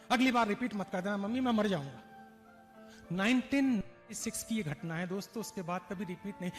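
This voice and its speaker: A man with a very high voice gives an animated motivational stage talk, acting out stories and pressing his audience to answer. His voice carries long hall reverb with faint music underneath. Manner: animated, acts out stories, urges audience responses. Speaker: motivational speaker and trainer.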